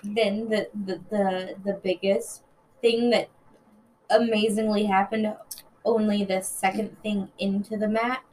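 A woman's voice: medium pitch, little pitch movement, measured pace, darkish tone, slight background noise, low-quality recording. A woman co-hosting a casual wrestling news chat, talking freely and restarting her sentences as she goes. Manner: chatty, with hesitant restarts. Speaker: podcast co-host.

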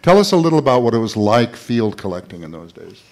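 A man's voice: medium pitch, very animated, quick pace, darkish tone. A man acting as interviewer, explaining things to an audience in an unscripted, conversational way.

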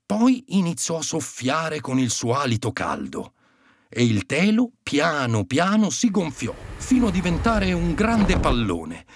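A man narrating a children's story in an animated, expressive way on a close mic. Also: a little high, unhurried, no room sound.

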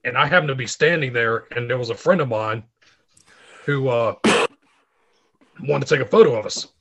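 Male guest, middle-aged, bright edge to the tone, storyteller who acts out quotes. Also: mid-range voice, moderate pace, vocal fry. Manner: animated anecdote teller, acts out quotes. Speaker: guest, fitness writer. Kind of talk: casual interview storytelling.

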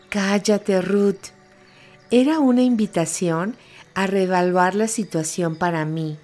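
Lady telling her own stories on a podcast, slow and thoughtful, a bit funny, faint music behind. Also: medium pitch. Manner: reflective, gently humorous. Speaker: podcast host. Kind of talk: personal storytelling monologue. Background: faint background music.

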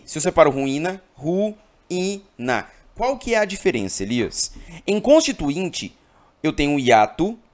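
Animated male grammar teacher. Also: on the high side, moderate pace. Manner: animated, emphatic, keeps checking in with listeners. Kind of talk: exam-prep grammar lesson.

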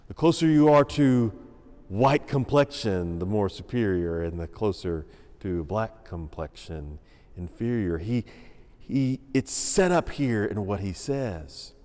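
A male pastor preaches slowly and deliberately, his pitch rising and falling widely for emphasis. His tone is mellow and dark. A long reverb from a church sanctuary trails behind every phrase. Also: expressive. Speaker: senior pastor. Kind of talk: sermon. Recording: long reverb of a large room.

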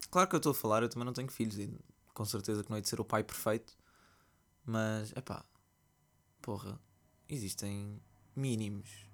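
A young man with a European Portuguese accent hosting a solo podcast late at night, telling a story in an animated, slangy, ranting way while sleepy. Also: fairly low pitch. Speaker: podcast host. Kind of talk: casual solo podcast monologue. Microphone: computer mic.

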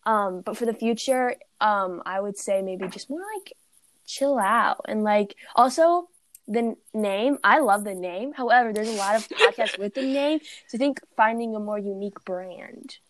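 A woman's voice: mid-range voice, normal speed, no room sound. A young woman co-hosting a podcast in casual chat, talking loosely with many fillers and frequent laughs. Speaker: podcast co-host. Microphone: recording remotely.

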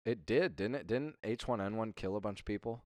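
A man's voice: lowish voice, a little fast, dry recording. A young man in casual chat with friends, making dry, understated remarks.

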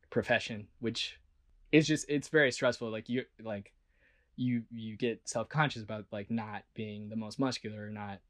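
A man who works as a voice actor, talking casually and earnestly in an interview, rambling with lots of "like" and restarts. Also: mid-range voice. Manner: earnest and self-reflective.

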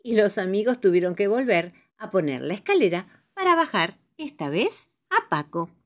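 A woman narrating children's stories as a storyteller, with a lively, dramatic reading style. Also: mid-range voice, moderate pace.

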